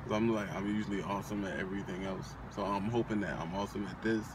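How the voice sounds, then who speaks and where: A young man vlogging from a parked car in a relaxed, bragging tone, full of slang and cursing. He is picked up by a phone camera on the dashboard. Clear outdoor traffic noise runs underneath his voice. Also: fairly low pitch, fast talker. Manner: boastful, laid-back, slangy and profane. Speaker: vlogger, aspiring trucker. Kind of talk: casual chat.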